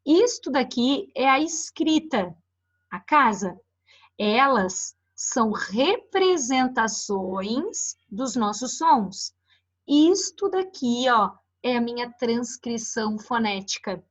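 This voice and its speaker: A woman teacher with a Brazilian Portuguese accent gives a recorded online lecture on phonetics, talking through her slides. Her voice is a little high and sing-song, her pace slow, and she says "né" and "ó" often.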